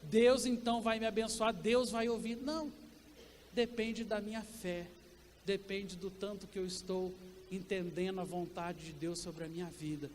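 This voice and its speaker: Brazilian male pastor, very high voice, long church reverb, preaching with rhetorical questions. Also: steady tone, moderate pace, slight background noise. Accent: Brazilian Portuguese. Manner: preaching with rhetorical questions, swinging from loud to quiet. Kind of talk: sermon. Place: church sanctuary.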